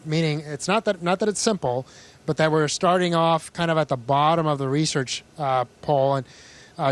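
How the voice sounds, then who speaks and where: A man with a fairly high voice speaks as an astronaut on a live link. He explains things informally, in simple everyday words. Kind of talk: answering questions in a live link-up.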